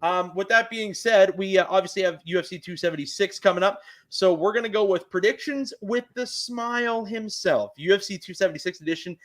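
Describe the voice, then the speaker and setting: A man with a Canadian accent hosts a casual sports podcast. His voice sits a little high, and he rambles eagerly from one fighter to the next. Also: a little fast, few pauses. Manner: eager, rambling fan talk. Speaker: podcast host.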